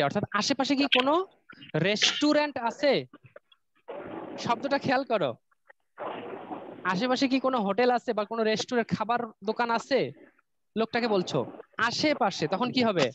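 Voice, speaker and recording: A man's voice: very high-pitched, normal speed, pauses often. A male schoolteacher with a Bangladeshi Bengali accent, teaching a classroom English lesson. He explains step by step and keeps quizzing his pupils. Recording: dull lo-fi sound with loud room noise.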